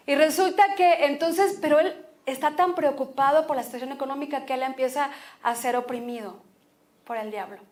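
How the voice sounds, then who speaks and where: A woman pastor with a Mexican Spanish accent preaching a sermon, expressive and repeating phrases for emphasis. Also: high voice.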